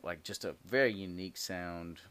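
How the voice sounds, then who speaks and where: A man with a very deep voice talks casually about the festival he helps organize. He drifts through fillers and restarts and stays relaxed. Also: clean tone. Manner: laid-back, halting, many fillers and restarts. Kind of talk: casual podcast chat.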